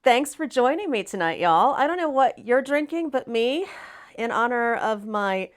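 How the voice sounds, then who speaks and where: Raspy, hoarse woman hosting casually. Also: fairly high pitch, expressive, normal speed. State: hoarse, recovering from laryngitis. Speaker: live stream host. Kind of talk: casual livestream chat.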